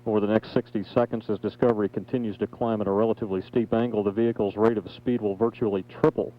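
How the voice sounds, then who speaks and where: Low man, muffled mission control commentary. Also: steady tone. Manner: measured, factual status reporting. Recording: dull feed with faint noise.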